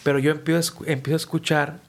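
A man, a musician guest casually telling stories in an animated, slangy way and acting out the people he quotes. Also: fairly high pitch, racing, gravelly. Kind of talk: casual storytelling.

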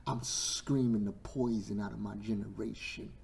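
Preacher, man, hoarse from a sore throat. Impassioned and repetitive, low-voiced, swings from shouting to whispers. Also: fairly even intonation, moderate pace, slight background noise. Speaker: preacher and podcast host. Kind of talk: sermon.

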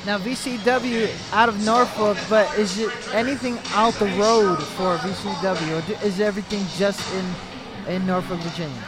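A man hosting a radio interview, asking loose, rambling questions in an excitable, casual way. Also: high voice, normal speed. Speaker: radio host. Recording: very loud music and crowd.

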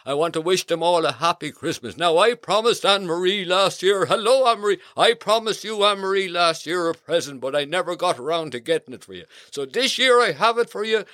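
A man's voice: sits high, no echo, clean studio sound. A man playing jolly Claus. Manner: folksy, rambling, warm greetings, hearty ho-ho laughs. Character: jolly old Santa Claus, kindly, chatty. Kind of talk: in-character radio greetings.

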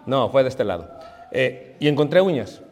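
A man's voice: mid-range voice, sing-song, normal speed, in a large hall. A male pastor preaching a sermon, scolding his congregation and asking them questions he answers himself. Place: church hall.

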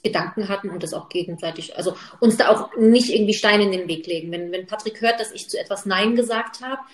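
A woman guest talks openly about family life in a casual chat. Her voice is middle-pitched, and there is a clear roomy echo around it. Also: fast talker. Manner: open, candid, many fillers. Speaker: podcast guest.

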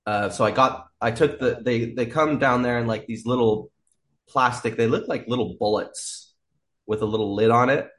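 Speaking at a moderate pace in a medium-pitched, somewhat bright voice, a man recounts a wild tale on a podcast. He rambles casually, laughs a lot, and swears freely.

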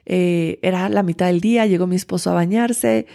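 Gravelly, mellow-voiced woman confiding. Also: lowish voice, moderate pace. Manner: earnest and confiding, with frequent fillers and restarts. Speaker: podcast host and teacher. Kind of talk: candid personal storytelling.

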